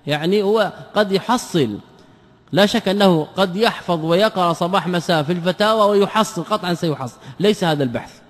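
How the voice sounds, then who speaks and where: A man's voice: high voice, fairly quick. A man teaching a religious class, asking rhetorical questions and repeating key phrases as he explains texts word by word. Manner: explains word forms and grammar step by step. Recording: long echo of a hall.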